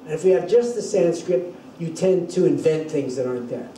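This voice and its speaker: Older man lecturing, very dark mellow voice, slightly high pitch, roomy distant mic. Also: lively intonation, brisk, slight background noise. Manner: thoughtful, explanatory, frequent restarts. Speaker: university lecturer. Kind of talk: classroom lecture. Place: university lecture room. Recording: echoey room, distant mic.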